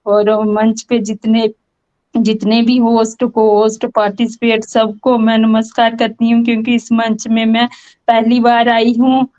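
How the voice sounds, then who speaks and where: A woman from Jammu speaks in a slightly raised, even tone, pausing often with fillers as she thanks the speaker. Her voice comes through a dull, lo-fi online call. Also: on the high side. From Jammu, India. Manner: hesitant, many fillers and repeated thanks. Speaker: participant in an online session. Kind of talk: casual testimonial.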